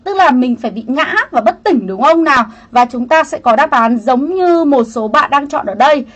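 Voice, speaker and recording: A woman's voice: sits high, animated, normal speed, slightly rough, highs cut off. A woman teaching an English grammar lesson on a livestream, chatty, greeting viewers by name and explaining each answer option.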